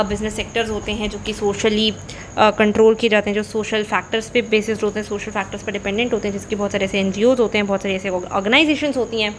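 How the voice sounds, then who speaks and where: A woman's voice: mid-range voice, fairly bright tone, a little hiss or hum. A woman teacher giving a conversational economics lecture, repeating key points and slipping between Hindi and English.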